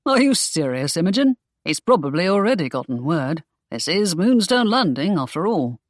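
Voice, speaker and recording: A woman narrator voicing a protective young nobleman suitor, speaking low, teasing and tender. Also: sing-song, normal speed, no room sound, studio quality.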